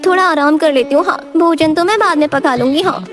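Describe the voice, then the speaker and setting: A woman's voice: sits high, brisk, music in the background, lightly acted. A woman voicing a cartoon village wife who has turned greedy and ravenous, with an exclaiming, theatrical manner.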